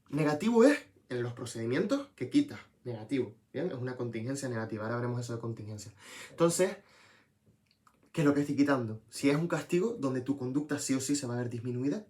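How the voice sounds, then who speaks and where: Young guy explaining psych stuff super fast, chatty, keeps saying "right?". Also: mid-range voice. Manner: lively, talks to viewer with frequent "¿bien?". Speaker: psychology teacher. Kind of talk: casual explanatory lesson.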